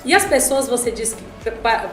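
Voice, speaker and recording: A woman from the Northeast, a lawyer in her forties, telling a story as a guest, animated and acting out the dialogue. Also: a little high, normal speed. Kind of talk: casual podcast chat. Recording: echoey room, soft music behind.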